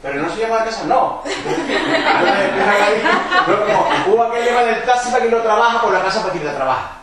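Hombre animado en sala con mucho eco. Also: male voice, high voice, fast talker, over a noisy crowd. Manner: lively, questions the audience, laughs often. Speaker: social worker leading a workshop talk. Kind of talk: interactive workshop talk. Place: university library meeting room. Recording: echoey room, distant mic, background noise.

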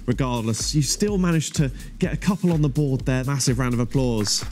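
A man's voice: mid-range voice, expressive, fairly quick, darkish tone, faint music behind. A British man in his thirties presenting a game show, announcing rounds and prizes with a projected delivery. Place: studio stage with music behind.

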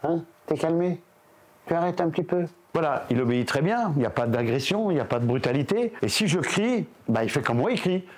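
Animated older man explaining his reptiles. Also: quick pace. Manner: lively, talks to his animals in a higher coaxing voice. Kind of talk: casual guided explanation.

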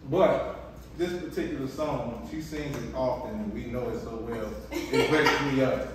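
A man's voice: mid-range voice, measured pace. A man co-hosting a family vlog, bantering playfully to the camera at the breakfast table with lots of restarts. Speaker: husband and co-host of a family vlog. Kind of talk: casual chat to camera. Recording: roomy echo, distant mic, faint noise.

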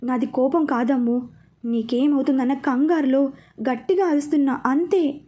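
ఒక స్త్రీ చేసే ఆందోళనగా గదమాయించే యువకుడు. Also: female voice, sits high, steady tone, moderate pace, mellow, natural voice. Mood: tender. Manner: scolding, anxious. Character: young man, protective, quick-tempered lover.

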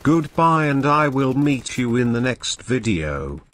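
A synthetic text-to-speech male voice with a robotic sound, reading a gaming channel host's scripted news update in a flat way. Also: mid-range voice, measured pace.

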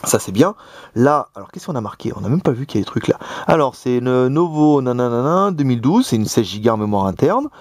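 A man from Lyon hosts a gadget review with a put-on southern French accent, chatting and joking between plenty of fillers. His pitch leaps up and down with every aside. The sound is dry and close, with no room echo. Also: big pitch swings, brisk, a little mellow. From Lyon, France. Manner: jokey, chatty, many fillers. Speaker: tech reviewer, show host. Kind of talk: casual product review. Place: office in Shenzhen.

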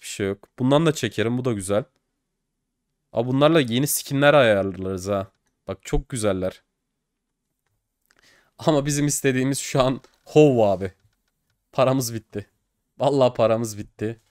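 A young man giving casual commentary while opening game cases online. He gets excitable, swears and pleads at the screen. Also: medium pitch, moderate pace, pauses often, clear, resonant tone, no room sound, studio quality. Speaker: case-opening streamer.

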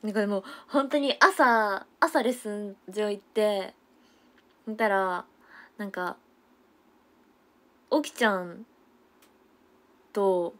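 A young woman chats easily on her livestream, giggling often. She answers viewer comments as they come in. Her pitch sits in the middle for a woman. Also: slow pace, long pauses, fairly bright tone. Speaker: idol livestreamer. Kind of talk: casual livestream chat.

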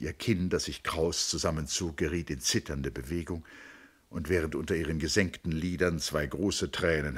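Man, audiobook narrator, low voice, husky, measured literary reading. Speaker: audiobook reader. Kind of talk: audiobook narration of a classic novel.

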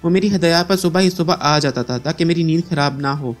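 A man narrating a long first-person story in a steady, measured way, with a somewhat high voice. Soft music plays faintly beneath his reading. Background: faint background music.

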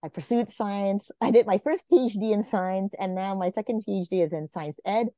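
Mid-range in pitch, fairly quick and dark in tone, her voice is recorded dry. She's a forties-aged woman from Malaysia guesting on a casual interview via video call at home, earnest but peppered with fillers and restarts, heard through a webcam in dull, lo-fi audio.

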